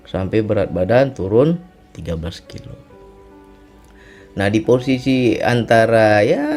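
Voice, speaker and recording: A man's voice: on the low side, a little mellow. A middle-aged man giving an earnest spiritual testimony, repeating himself and adding tag questions as he reflects. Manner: earnest, repetitive, often adds tag questions. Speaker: speaker sharing a personal testimony.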